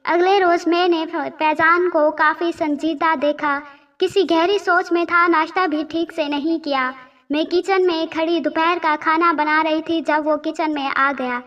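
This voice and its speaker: A woman's voice: very high voice, fairly even intonation, fairly bright tone, far from the mic, dull audio. A woman telling a first-person story as a storyteller, emotional, with quoted dialogue.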